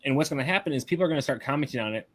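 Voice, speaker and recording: A man of ordinary pitch coaches an online group over a video call. He talks in a loose, casual way and keeps checking in with his listeners as he explains each step. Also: lively intonation, racing, fairly bright tone. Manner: casual, tags lines with "right?". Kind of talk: live webinar teaching.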